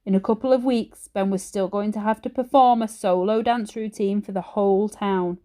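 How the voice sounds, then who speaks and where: At a moderate pace and medium pitch, a woman teacher reads a children's story aloud in an expressive storytelling style.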